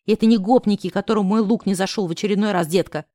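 A woman voicing a flamboyant, brash young man who is protective of his best friend, barking orders in a gruff voice. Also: medium pitch, very fast, dark tone, no room sound, clean studio sound, lightly acted. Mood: snapping. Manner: gruff, barking orders, later fading weak whisper.

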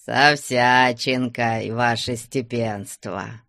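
A man's voice: mid-range voice, animated, slow, no room sound, studio quality, heavily acted. A man voicing a sullen old retired soldier who keeps watch at a country church, curt and grumbling. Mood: deferential. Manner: curt and grumbling, warms up over vodka.

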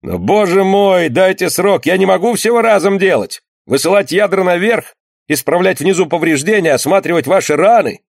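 A man reading an audiobook voices a harried ship's surgeon and carpenter who scolds and gives brisk orders. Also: medium pitch, no echo, clean studio sound, voice pushed up, lightly acted. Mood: exasperated.

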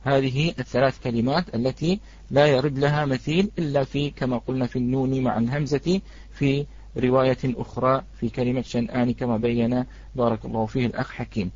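A man teaching a Quran recitation lesson, patiently repeating his points and slowly reciting examples. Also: mid-range voice, steady tone, a little mellow, slightly rough. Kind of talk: online tajweed lesson. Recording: dry, slightly dull.

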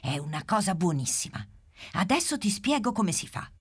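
A woman's voice: mid-range voice, big pitch swings, normal speed, husky, voice pushed up. A woman voicing a cheerful, curious little female puppy in a storybook, eager and full of questions. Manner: eager, bouncy, asks lots of questions. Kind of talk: storybook character voice.

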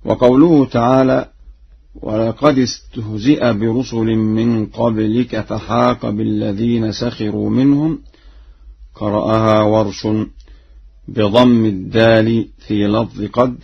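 رجل يلقي درسًا دينيًا إذاعيًا بتأنٍّ شديد ونبرة مستوية قليلة التلوين. يتنقل بين شرح رصين وترتيل قصير للشواهد. الصوت مكتوم قديم كأنه من تسجيل إذاعي عتيق. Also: male voice, on the low side, vocal fry, husky. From Egypt. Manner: measured formal explanation with short chanted verse recitations. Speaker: Quran recitation scholar. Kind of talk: broadcast religious lesson. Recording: muffled old radio broadcast.

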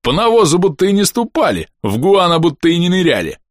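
A man voicing a boisterous fanged male clan comrade who talks loud, gleeful and mocking. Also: high voice, sing-song, a little fast, no echo, clean studio sound, pitched above the performer's own voice.

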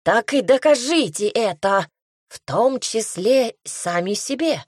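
A woman puts on a plump, sly ginger cat from a storybook, slow and theatrical. His pleas come out drawn-out and wailing, pitched a little higher than her own voice. The sound is dry and close. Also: animated, breathy edge, dry recording, full character voice. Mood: dramatic. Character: plump ginger talking cat, dramatic and cunning.

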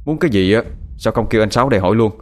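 A man voicing an honest young farmer, earnest and quick to angry shouts. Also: on the low side, soft background music, natural voice. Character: honest young farmer, hot-tempered in grief.

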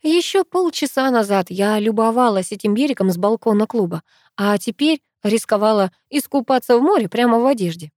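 A woman reading a first-person novel aloud as an audiobook, lively and expressive. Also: a little high, brisk, dry recording, clean studio sound. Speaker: audiobook reader.

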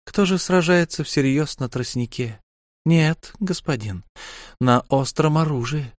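Man voicing mocking young wife, sharp-tongued, teasing, defiant, dry studio sound. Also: fairly high pitch, a little slow, no echo, voice pushed up, natural voice.

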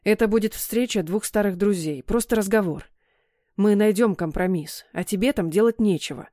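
A woman voicing a calm, reassuring young lover. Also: medium pitch, normal speed, no room sound, studio quality, close to an everyday voice. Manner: soothing, reassuring.

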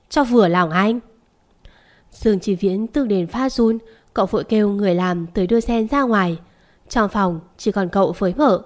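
A woman's voice: medium pitch, darkish tone. Woman narrating a story evenly.

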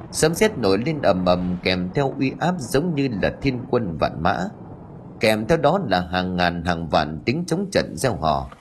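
A man's voice: fairly low pitch, husky. A man narrating an audiobook, telling the tale in a dramatic storytelling manner. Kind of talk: scripted narration.

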